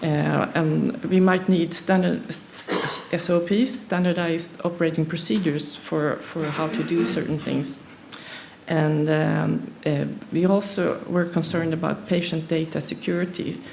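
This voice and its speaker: Here a Swedish woman delivers a conference talk in English, which isn't her native language, with frequent hesitations, fillers and restarts. Her low, creaky voice holds a level tone and has a darkish quality, with slight hiss or hum on the recording.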